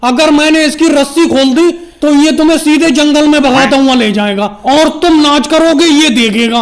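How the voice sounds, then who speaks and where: A man voicing a boastful village street showman with a bear, calling out loudly and snapping brusquely at onlookers in a comic cartoon. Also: very high voice, normal speed. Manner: loud hawking calls, brusque retorts.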